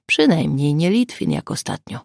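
A woman's voice: low-pitched, wildly swooping pitch, moderate pace, creaky, darkish tone, no room sound, clean studio sound, heavily acted. A woman doing a dogged male police sergeant. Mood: hopeful. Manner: short, hopeful questions.

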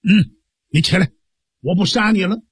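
A man's voice: high-pitched, normal speed, breathy edge, no room sound, clean studio sound. A male storyteller voicing a stern, heroic older swordsman who speaks tersely and commandingly.

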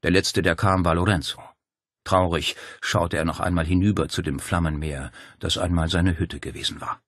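A man reading a thriller audiobook in a steady, measured storytelling voice. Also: deep voice, dry recording, clean studio sound. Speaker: audiobook narrator. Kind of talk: scripted narration.

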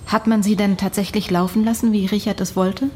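A woman's voice: mid-range voice, fairly even intonation, brisk, a little mellow, slight background noise, close to an everyday voice. A woman playing a curious, sceptical questioner in an audio drama, polite and inquisitive.

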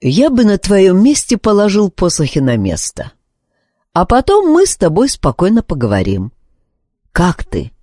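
A woman reading the part of a calm, thoughtful male wizard king speaking to his son. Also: mid-range voice, a little slow, no room sound, clean studio sound, voice pushed up.

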